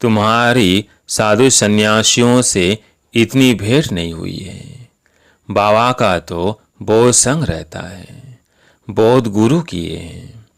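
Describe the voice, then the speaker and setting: Low-voiced guy reading a devotional sermon, calm and measured, kinda gravelly. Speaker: spiritual discourse reader.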